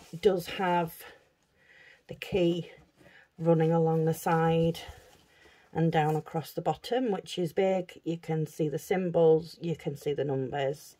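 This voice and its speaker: A woman's voice: sits low, mellow. A woman chatting casually on her craft vlog, thinking aloud as she unpacks things. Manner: chatty, thinking aloud while handling items. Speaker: craft vlogger. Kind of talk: casual unboxing chat.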